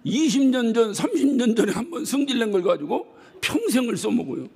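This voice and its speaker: A male pastor preaching a sermon, telling stories about his congregation with lively acted-out quotes and bursts of shouting. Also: very high-pitched, brisk, vocal fry, slightly rough. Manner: animated storytelling, mimics congregants and shouts. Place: church hall. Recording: reverberant church hall.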